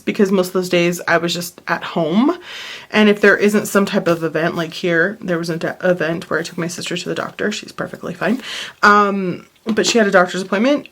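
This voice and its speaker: A woman's voice: mid-range voice, a bit bright. A tired, short-of-breath woman chatting casually at home in a planner vlog, rambling and apologizing as she drifts off topic. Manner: rambling, apologetic, easily sidetracked. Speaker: planner vlogger.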